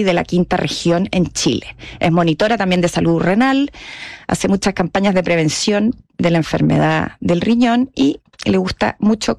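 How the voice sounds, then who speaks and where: Casting: female studio interview host, fairly low pitch, close dry sound, conversational delivery. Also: gravelly, dry recording.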